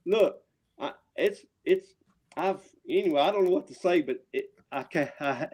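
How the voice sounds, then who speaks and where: A man with a high-pitched voice and a Southern drawl rambles through casual wrestling trash talk. He swears freely and pushes his points hard, sounding riled up. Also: normal speed, a little mellow, husky. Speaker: wrestling promotion owner, show guest.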